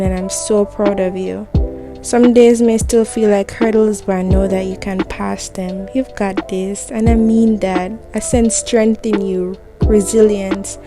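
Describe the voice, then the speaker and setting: In a medium-pitched voice, a woman speaks gently and reassuringly to the listener, intimate and direct, like a heartfelt voicemail.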